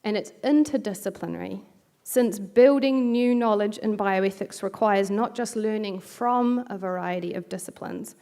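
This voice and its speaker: The keynote speaker, a middle-aged New Zealander with a matching accent, lectures reflectively at a moderate pace in a mellow, mid-range voice, adding light jokes at her own expense.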